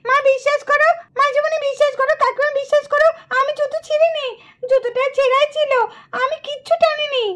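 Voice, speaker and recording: Puppet show: woman as a tearful pleading little girl, very high. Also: flat delivery, fast, fairly bright tone.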